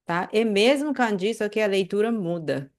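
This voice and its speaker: A woman with a Brazilian Portuguese accent teaching an online language lesson, patiently repeating phrases slowly and checking in with the listener. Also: medium pitch, lively intonation, a little mellow.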